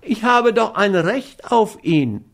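A man's voice: sits high, animated, slow pace, fairly bright tone, pitched above the performer's own voice, heavily acted. A man reading an audiobook, voicing a cowardly, whining man who sulks and grumbles. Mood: whiny. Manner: whining, fearful, grudging. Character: whiny cowardly man, sullen dog owner. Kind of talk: audiobook character voice.

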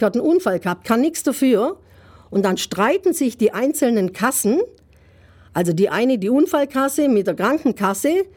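In interview answers as an author, a middle-aged woman speaks emphatically and with indignation, firing off many rhetorical questions. Her voice is a little high and a little mellow.

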